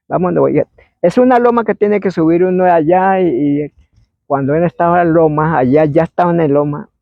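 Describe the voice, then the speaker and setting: A man with a gravelly, fairly high voice tells a spirit story from oral history. His telling meanders and he acts out the shouts and voices of the people in it. The recording sounds thin and phone-like, with no room echo. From Colombia. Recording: dry, phone-like narrow sound.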